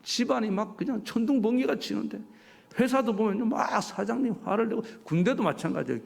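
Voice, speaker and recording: A male pastor delivering a sermon, animated and full of rhetorical questions to his congregation. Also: sits high, a little fast, creaky. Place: church sanctuary. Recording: church hall reverb.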